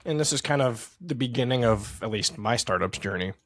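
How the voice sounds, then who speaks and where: A man's voice: medium pitch, lively intonation, fairly quick, a bit bright. An American man co-hosting a casual podcast, rambling and correcting himself as he talks. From United States. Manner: rambling, self-correcting, chuckles often. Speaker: podcast co-host. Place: home setup in the San Francisco Bay Area.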